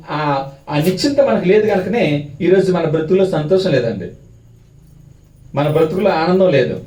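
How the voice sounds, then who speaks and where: A high-pitched man preaches with fervor and keeps pressing rhetorical questions on his listeners. His voice is mellow and dark in tone. It sounds roomy and echoey, as if picked up from some distance away. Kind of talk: sermon. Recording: echoey hall, mic at a distance.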